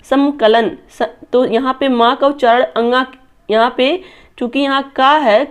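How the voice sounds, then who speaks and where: A woman's voice: sits high, fairly even intonation, unhurried, clean tone. A woman teaching a grammar lesson for exam preparation, patiently explaining rules step by step and pointing things out on a board.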